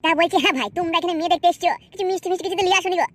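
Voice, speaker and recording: A woman's voice: extremely high pitch, fairly even intonation, very fast. A woman voicing a scheming young man who poses as a matchmaker in a comic cartoon, chatty and teasing.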